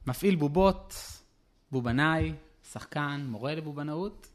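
A young man, a puppeteer and theatre director, talking softly and hesitantly with many fillers. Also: on the high side. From Israel. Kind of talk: interview and puppet show patter.

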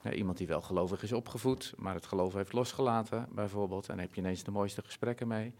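Earnest, low-voiced Dutch-speaking man. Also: quick pace, darkish tone. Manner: earnest, reflective, many fillers and restarts. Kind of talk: conversational interview.

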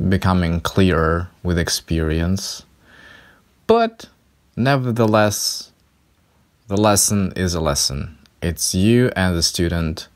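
A man with a very low voice vents about tutoring in an unhurried, drawn-out delivery. The talk is a casual podcast monologue, profane and exasperated, as he rants about his work as an English tutor.

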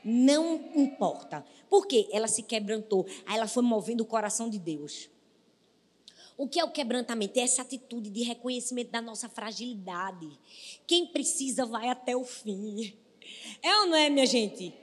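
A Brazilian woman preaches with a high, ringing voice, calling out to her congregation. She drops to hushed tones, then climbs to fervent shouts. Her words trail off in the long reverb of a church hall. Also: lively intonation, normal speed. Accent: Brazilian Portuguese. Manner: emphatic, calls on the congregation, swings between hushed and shouting. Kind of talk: sermon.

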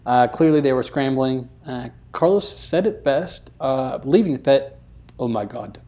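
A man with a mellow, dark-toned voice co-hosts a relaxed motorsport podcast. He reads out the week's news in a dry, easygoing way. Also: mid-range voice, measured pace. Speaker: podcast co-host. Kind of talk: casual podcast chat.

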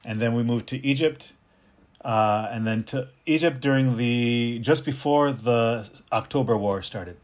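Speaking with a mid-range voice, this middle-aged martial artist and capoeira teacher reflects slowly in a casual interview, frequently restarting. Born in Detroit, he grew up partly in North Africa, and Arabic is his first language.

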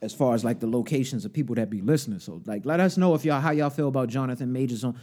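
A young man hosting a casual podcast chat, talking in loose slang. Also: mid-range voice. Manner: animated, slangy, fast-talking. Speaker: podcast host.

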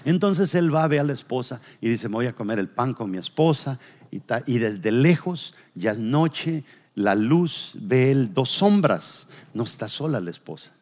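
A man's voice: on the low side, darkish tone. A male pastor preaching a sermon, telling a story and acting out each character's lines. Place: church. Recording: long reverb of a church hall.

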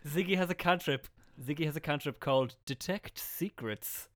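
A man's voice: a little high, normal speed, a bit bright, no room sound, clean studio sound. A man chatting casually as a player in a tabletop role-playing game. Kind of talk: casual role-play chat.

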